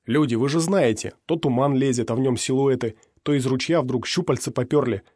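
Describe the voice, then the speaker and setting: A man voicing a rattled young male stalker, telling his story excitedly and insistently in an audiobook. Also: mid-range voice, a little fast, husky, dry recording, clean studio sound, voice pushed up, close to an everyday voice. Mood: agitated.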